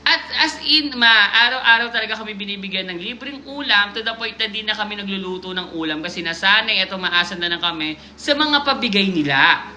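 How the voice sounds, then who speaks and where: Bright-voiced woman reading stories on a live stream. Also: medium pitch, fairly quick, a little hiss or hum. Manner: reads a submitted story aloud, breaking off to laugh and joke. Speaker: livestream host reading viewer stories. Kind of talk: casual live-stream storytelling with commentary.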